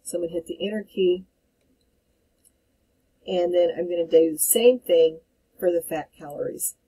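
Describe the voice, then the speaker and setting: Mellow, husky woman teaching software. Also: fairly low pitch, moderate pace, rough recording. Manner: calm step-by-step explaining. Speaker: instructor. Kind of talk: screen-recorded software tutorial.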